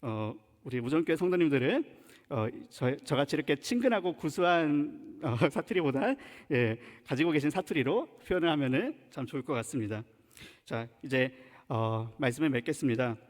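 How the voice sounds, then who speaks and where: In a church sanctuary with long reverb, a pastor from South Korea's Chungcheong region delivers an earnest, emphatic sermon. He has a Chungcheong Korean accent and a slightly mellow voice on the high side.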